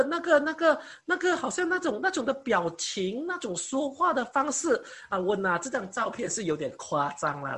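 A woman in her thirties telling a church story, excitable, with many hesitations, often imitating how other people talk. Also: fairly high pitch, slightly rough. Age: 30s.

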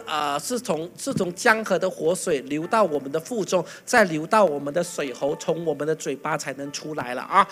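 A pastor giving a lively sermon full of acted stories, breaking into loud bursts. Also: medium pitch. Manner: animated, loud bursts, mimics chanting.

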